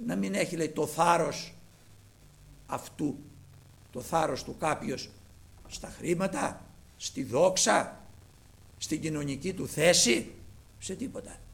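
A man preaching a sermon, retelling scripture dramatically and swinging between loud and hushed delivery. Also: fairly high pitch, animated, vocal fry, long pauses.

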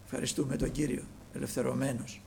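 A man preaching a sermon, emphatic and moving between loud and hushed, repeatedly addressing the brethren. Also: mid-range voice, level tone, vocal fry, a little hiss or hum.

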